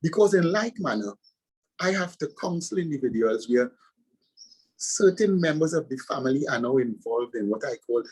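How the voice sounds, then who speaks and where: A man's voice: medium pitch, animated, normal speed, a little mellow, breathy edge, poor audio. A man from Trinidad and Tobago with a Trinidadian accent, a pastor and author answering interview questions with earnest, preacherly emphasis.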